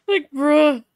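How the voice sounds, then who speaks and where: A woman's voice: high voice, dry recording, studio quality. Giggly young woman with a slight Mexican accent. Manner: giggly, chatty, often laughs. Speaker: streamer. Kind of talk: casual chat while gaming.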